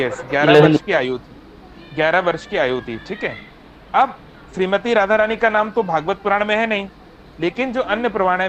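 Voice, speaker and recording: A man's voice: high-pitched, fairly bright tone, slight background noise, low-quality recording. A man teaching an online devotional class from his phone, explaining patiently and checking in with listeners, mixing English phrases in. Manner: explanatory, asks "है ना?" often, mixes English phrases.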